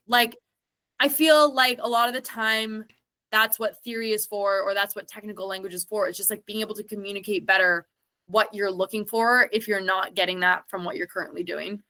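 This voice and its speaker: A woman with a medium-pitched voice speaks briskly, steady and sharp in tone, as a guest in an informal interview. A singer and actor, she reflects aloud in a meandering way, full of "like" fillers.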